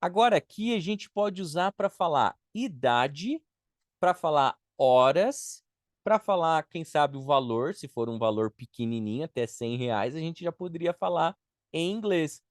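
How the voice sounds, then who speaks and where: A man with a Brazilian Portuguese accent leads a live online beginner lesson. He talks at an unhurried pace, repeating each word patiently so students can copy it. The recording is dry, with no room echo. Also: a little high, expressive. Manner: patient, repeats words slowly to model pronunciation. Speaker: English teacher.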